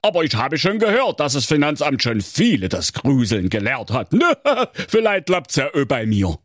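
A man's voice: medium pitch, big pitch swings, moderate pace, no room sound, studio quality, voice pushed up. A man voicing a cheerful, naive young simpleton in a storybook tale. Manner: easygoing, folksy dialect.

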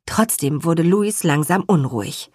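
A woman narrating a children's story with an expressive, measured reading style and a husky voice. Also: deep voice, no echo, clean studio sound. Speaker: audiobook narrator.

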